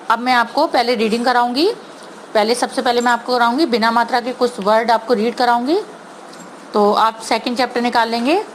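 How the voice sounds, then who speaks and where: A woman teacher giving an online Hindi lesson to young children, sounding out words slowly and patiently, mixing English words into her Hindi. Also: on the high side, slight background noise, rough recording. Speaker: primary school teacher.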